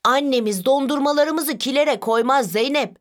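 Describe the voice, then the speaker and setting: A woman voicing an eager little boy, the younger brother, with high, excited exclamations. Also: normal speed, natural voice. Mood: pleading.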